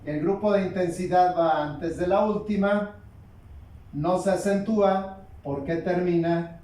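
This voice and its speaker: A man teaching a spoken grammar lesson, slow and deliberate, asking questions and answering them himself. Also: high voice, dark tone, distant mic. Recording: echoey room, voice from off-mic.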